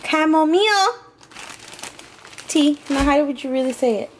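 A woman's voice: sits high, animated, a little slow, a little hiss or hum. A woman talking casually through her meal prep in a home kitchen, chatty and a little hesitant, often correcting herself. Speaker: vlogger.

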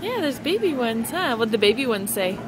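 A woman's voice: on the high side, very animated, a little fast, noisy background. A woman filming her children at home, chatting and teasing them with playful questions. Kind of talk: casual home video chat.

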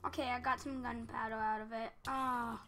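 A woman's voice: a little high, flat delivery, normal speed, bright, forceful tone, a little hiss or hum. A woman giving chatty Let's Play commentary at her computer, easily flustered and breaking into outbursts when under attack, with keyboard typing behind her. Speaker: gaming channel host.

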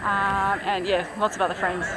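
A woman in her forties narrates her sailing vlog outdoors at a marina, chatty and practical. She sounds worn out after a long day. Loud outdoor noise runs behind her voice. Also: mid-range voice, level tone, normal speed. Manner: chatty, practical, a bit tired. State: tired. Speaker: sailing vlogger.

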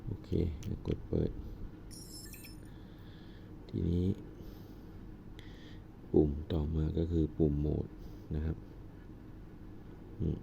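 A man with an extremely low voice and a heavy gravelly rasp gives a casual hands-on gadget demo, pausing and restarting as he works the buttons. The recording is dull and lo-fi, with steady noise underneath. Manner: talks haltingly while pressing buttons. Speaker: gadget reviewer.

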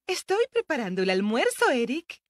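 An indulgent cartoon mom. Her high voice rises and falls dramatically, sweet and placating throughout. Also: wildly swooping pitch, moderate pace. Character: gentle, indulgent mother of a spoiled boy. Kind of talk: cartoon dub.

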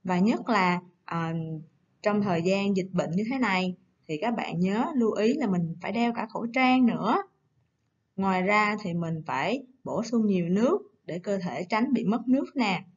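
A woman teacher giving a recorded lesson to young children, coaxing and gentle, slowing down to read words aloud. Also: medium pitch, expressive, highs cut off. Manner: gentle, coaxing, slow syllable-by-syllable dictation. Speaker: primary school teacher.

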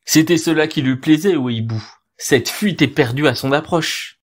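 A man narrating a folk tale in an expressive, theatrical storytelling manner. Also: fairly high pitch, normal speed.

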